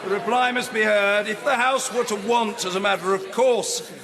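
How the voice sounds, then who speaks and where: A man chairing parliament, bellowing for order in a pompous, drawn-out manner. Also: high-pitched, fairly even intonation, long reverb tail. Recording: very noisy chamber, crowd uproar.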